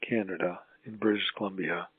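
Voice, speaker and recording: A man leading a guided healing meditation as a spiritual channel, in a solemn, mystical healer manner with drawn-out, halting phrases. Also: sits low, fairly even intonation, breathy edge. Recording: roomy, tinny phone-like line.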